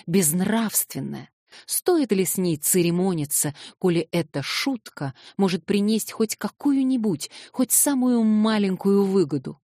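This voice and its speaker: A woman's voice: mid-range voice, darkish tone, dry recording, studio quality, voice pushed up. A woman reading an audiobook, voicing a proud young woman who accuses a man of deceiving her, with bitter intensity. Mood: indignant, shrill. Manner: accusing, impassioned.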